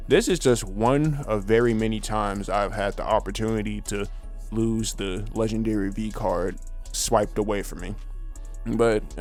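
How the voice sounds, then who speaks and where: A young man telling a story in casual slang, laid-back with lots of swearing. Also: lowish voice. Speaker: storytime vlogger.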